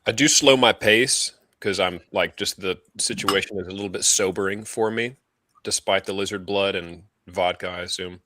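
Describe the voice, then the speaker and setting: A man playing in a tabletop role-playing game, describing his character's actions in a relaxed, easygoing way. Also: low voice, normal speed, noisy background. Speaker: player.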